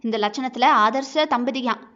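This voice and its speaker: A woman's voice: on the high side, fairly even intonation, normal speed, fairly bright tone, natural voice. A woman voicing a hurt young wife who argues back sharply and bitterly, in a dull lo-fi recording.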